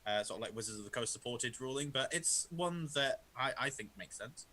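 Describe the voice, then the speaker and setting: A man's voice: mid-range voice, expressive, a little fast, pushed and bright. A man in a tabletop game, chatting and role-playing with formal, wordy phrasing. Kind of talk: casual game chat and role-play.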